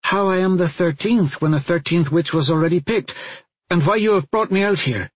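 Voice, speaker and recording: A man voicing a stern, scornful older witch who speaks in a cold, imperious, impatient way, with a husky voice in a dry recording. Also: on the high side, very animated, measured pace, no echo, pitched above the performer's own voice, exaggerated voice.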